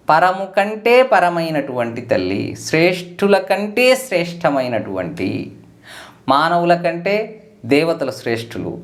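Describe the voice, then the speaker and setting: A devotional teacher who chants a hymn and then explains each sacred name in turn, singing the name first and speaking the meaning after it. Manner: chants in a high, melodic tone.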